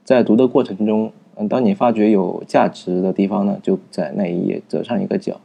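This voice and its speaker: A man with a low, gravelly voice, very dark and husky in tone. He explains a book's reading method in a loose, conversational way, hesitating often with fillers and starting his sentences over. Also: fairly even intonation, fairly quick, lo-fi sound. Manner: thinking aloud with many fillers and restarts. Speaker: book review narrator. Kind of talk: casual spoken book summary.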